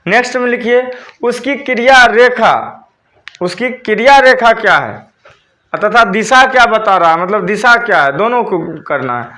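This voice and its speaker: A man's voice: high voice, expressive, a little slow, pushed and bright. A man teaching a school physics lesson, dictating notes and repeating key terms back as questions for his students.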